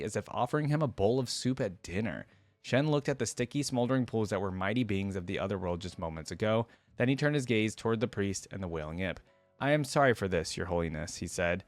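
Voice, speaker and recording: A man with a mid-range voice, recorded with no room sound, hosts a reaction video. He speaks informally and thinks aloud, mixing casual commentary with reading a story aloud.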